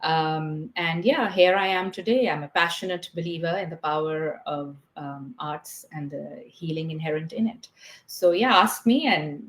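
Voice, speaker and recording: Woman from Pakistan, roomy low-toned webinar voice. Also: normal speed. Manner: thoughtful, explains step by step with frequent fillers. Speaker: guest art therapist. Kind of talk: explanatory interview talk. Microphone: video call.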